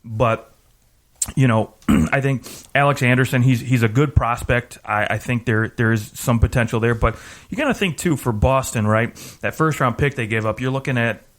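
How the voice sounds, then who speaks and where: A man co-hosts a relaxed hockey talk show at a mid-range pitch. He teases his partner and works through trade analysis in a loose, filler-heavy way. His voice sits in an ordinary middle register. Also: normal speed. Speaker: podcast co-host. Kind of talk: casual hockey chat.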